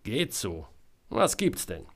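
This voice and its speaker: Man doing a dry woman reporter, slow and level, kinda fed up. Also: lowish voice, wildly swooping pitch, fairly bright tone, full character voice. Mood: matter-of-fact. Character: annoyed young woman reporter, level-headed.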